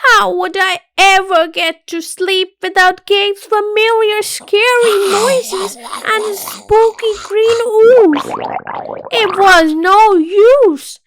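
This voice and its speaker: High, slow woman reading a kids' story. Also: no echo. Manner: expressive, playful narration. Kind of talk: children's storybook read-aloud.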